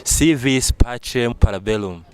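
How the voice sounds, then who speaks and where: A man's voice: mid-range voice, unhurried, darkish tone, smooth. A man hosting a casual street interview, quizzing his guest in a playful, informal way. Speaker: interviewer and channel host. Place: outdoors in a town.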